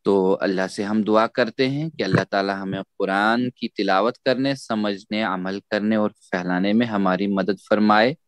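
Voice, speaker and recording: A man teaching Quran recitation in a slow, patient way, repeating sounds syllable by syllable for students to echo. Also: fairly low pitch, fairly even intonation, clear, resonant tone. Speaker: tajweed teacher.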